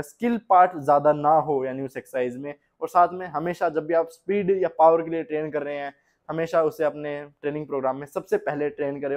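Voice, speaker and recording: Young male fitness coach, slightly high voice, steady plain explainer, home gym, camera a few meters away. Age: young adult. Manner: plain, steady explaining with Hindi-English mix. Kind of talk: instructional fitness talk. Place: small home gym with posters, indoors.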